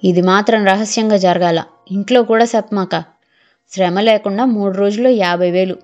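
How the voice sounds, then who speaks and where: A man's voice: high-pitched, fairly even intonation, normal speed, natural voice. A woman doing a breezy, dismissive village fixer. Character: brash village political fixer, middle-aged man. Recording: muffled lo-fi, faint music.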